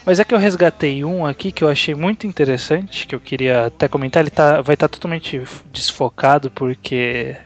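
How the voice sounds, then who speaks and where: A man's voice: on the high side, brisk, hardly any pauses, faint music behind. A man with a Brazilian Portuguese accent co-hosting a casual podcast, joking around and reading listener emails. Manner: jokey, reads listener emails aloud. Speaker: podcast co-host.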